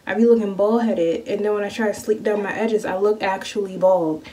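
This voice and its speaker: A woman's voice: mid-range voice, steady tone, fairly quick, dark tone, far from the mic, low-quality recording. Young female vlogger, chatty and blunt with a cheeky edge, recorded at home slightly off-mic. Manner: blunt, playful, swears freely. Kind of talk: casual chat to camera. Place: at home doing her hair. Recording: home video, voice a bit off-mic, faint noise.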